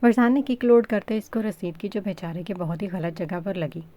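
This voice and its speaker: A woman narrating a romance novel as a steady, scripted audiobook reading. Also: mid-range voice, moderate pace. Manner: steady, storytelling.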